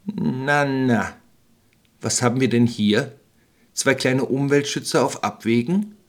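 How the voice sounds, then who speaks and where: A man's voice: mid-range voice, slow, lightly acted. Man doing a coaxing fairy-tale witch. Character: scheming fairy-tale witch, older woman.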